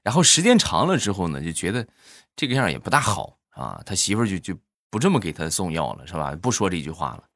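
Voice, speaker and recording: A man rattles off short jokes in a relaxed, chatty way. His voice sits low but rises and falls a great deal. The recording is close and dry. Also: quick pace, no room sound. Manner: chatty, storytelling with frequent "啊" tags. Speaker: comic storyteller.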